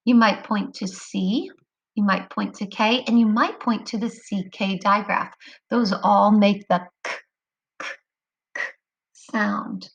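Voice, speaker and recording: Woman, kindergarten teacher, unhurried, clear, encouraging, muffled computer recording. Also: mid-range voice. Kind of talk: remote phonics lesson for children.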